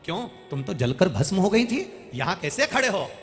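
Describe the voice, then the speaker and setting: A man's voice: high voice, big pitch swings, normal speed, voice pushed up. A man voicing a poor, anxious husband and devotee in a religious story, speaking earnestly. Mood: astonished. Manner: worried, earnest. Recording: echoey hall with music behind.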